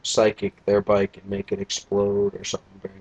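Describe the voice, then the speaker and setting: A man's voice: on the low side, monotone, normal speed, a little mellow, husky, no room sound, rough recording. A young man casually commentating a video game, tired and yawning, with a crude, joking, rambling manner. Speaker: let's play gamer.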